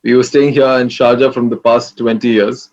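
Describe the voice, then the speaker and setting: A man in his late twenties from Kerala, India, telling his story in a relaxed, rambling way full of fillers. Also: mid-range voice, normal speed, dull audio. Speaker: interview guest. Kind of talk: casual interview.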